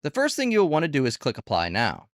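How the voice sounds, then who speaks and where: Reviewing online gig work platforms in a casual, candid tutorial, this male host fires off rhetorical questions. He talks fast in a slightly high voice with huge pitch swings, recorded in clean studio sound without room sound.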